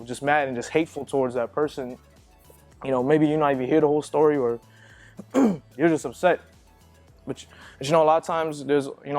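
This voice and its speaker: A man's voice: medium pitch, a little mellow, no echo. A young man giving a casual youth sermon, rambling and packing his talk with filler words. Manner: rambling, heavy with "you know" fillers. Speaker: youth minister.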